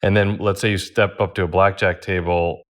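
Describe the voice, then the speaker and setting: A man on a casual roundtable, laid-back and quick to laugh. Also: low-pitched, level tone, fairly bright tone. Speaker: podcast panelist and advantage player.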